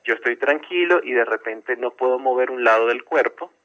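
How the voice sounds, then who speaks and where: A man with a bright, forward voice, speaking as a doctor on a radio interview. He explains things patiently and goes back over his points to make them plain. The sound comes through a radio broadcast. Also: mid-range voice, normal speed, rough recording. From not from Chile. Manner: patient, explanatory, repeats himself to be clear. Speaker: medical doctor guest.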